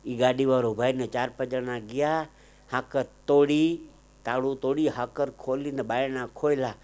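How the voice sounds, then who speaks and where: A man with a Kathiawadi Gujarati accent telling emotional folk anecdotes on stage, swelling loud on some lines and dropping low on others. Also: steady tone, moderate pace. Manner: dramatic swells, loud declaiming then softer asides. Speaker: folk storyteller and comedian.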